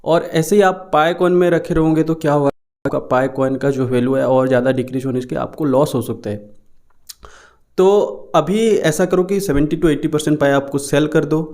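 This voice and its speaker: A man's voice: a little high, steady tone, moderate pace, a little mellow. A young man with an Indian accent, chatting casually to viewers on a cheap microphone, repeating himself and reassuring them with many fillers. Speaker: YouTube crypto vlogger. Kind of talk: casual Hindi-English vlog talk. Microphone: cheap unreliable microphone.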